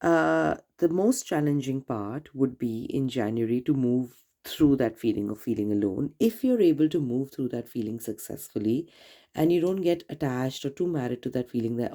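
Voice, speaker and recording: A woman giving a tarot reading straight to the viewer, gentle and reassuring, her voice nasal from a cold and congestion. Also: very deep voice, expressive, normal speed. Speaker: tarot reader. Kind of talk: casual tarot reading to camera.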